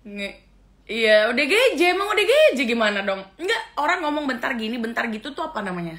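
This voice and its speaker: A woman's voice: on the high side, sing-song, fast talker, fairly bright tone. A middle-aged woman vlogger ranting casually and scornfully, with frequent exclamations of disgust. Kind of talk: casual reaction rant.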